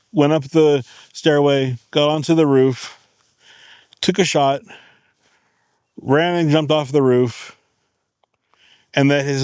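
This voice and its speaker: Male channel host, casual rambling monologue, raised pitch, dead-dry recording. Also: a little mellow, smooth, dry recording. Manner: rambling, checks in with the audience.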